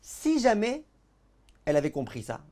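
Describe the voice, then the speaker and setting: A rabbi with a high-pitched voice teaches a Torah class at a moderate pace. He tells stories with animation, acts out the dialogues, and speaks directly to his audience.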